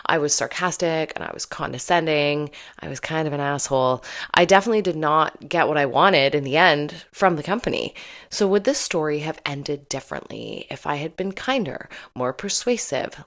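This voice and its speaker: A woman's voice: deep voice, a bit bright. A middle-aged woman hosting a podcast, telling personal stories in a candid, self-deprecating way and laughing often. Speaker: podcast host.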